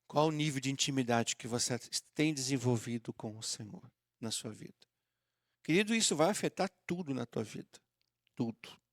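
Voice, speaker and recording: A man's voice: mid-range voice, animated, moderate pace, dry recording, clean studio sound. Man preaching conversationally. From southern Brazil. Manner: conversational preaching that addresses listeners warmly and acts out sample prayers. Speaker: pastor. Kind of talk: sermon. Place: church auditorium.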